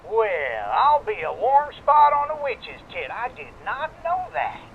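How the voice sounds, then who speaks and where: Over a tinny, narrow CB radio line comes a man putting on a folksy old-timer trucker with a very high, gravelly voice. He drawls easily and is out of touch with the times, and a faint hiss sits under the transmission. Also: huge pitch swings, unhurried, exaggerated voice.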